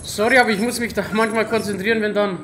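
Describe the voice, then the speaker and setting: Excitable Franconian let's player man. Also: sits high, quick pace, slight background noise. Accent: Franconian German. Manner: exclaims a lot, talks to his pet in the game. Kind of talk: excited gameplay commentary.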